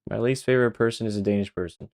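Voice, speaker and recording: A man's voice: lowish voice, vocal fry, darkish tone, dry recording, studio quality. A young man from Sweden, chatting casually and swearing often while streaming a game. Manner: swears a lot and laughs at his own jokes. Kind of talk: casual gaming stream chat.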